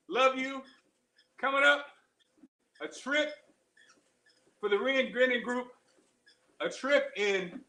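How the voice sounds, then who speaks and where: Guy doing a motivational live chat while running on a treadmill, high forceful voice, short puffed phrases, repeats stuff for emphasis, echoey. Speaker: show host. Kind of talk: casual motivational livestream chat. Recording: roomy, echoing live-stream sound.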